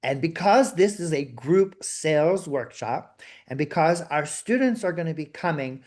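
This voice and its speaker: A man's voice: a little high, measured pace. Jokey guy hosting over a video call, voice jumping all over the place. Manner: playful, excitable, jokey. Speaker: co-host.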